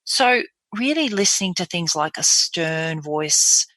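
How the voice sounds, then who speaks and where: A woman's voice: on the low side, lively intonation, slow, sharp tone, no echo. A woman talking as a voice coach guest in a podcast interview, earnest and explanatory, often demonstrating example voices.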